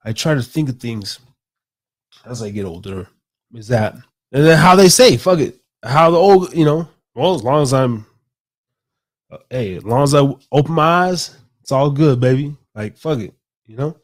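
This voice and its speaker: A young man hosting a casual late-night podcast, rambling and excitable, swearing freely and calling his guest bro. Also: medium pitch, normal speed. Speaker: podcast host.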